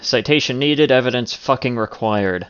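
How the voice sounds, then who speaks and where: A man's voice: mid-range voice, moderate pace, a bit bright, smooth. A man giving wordy reaction commentary as a video host, sarcastic, exasperated and given to swearing. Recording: dull lo-fi, faint music behind.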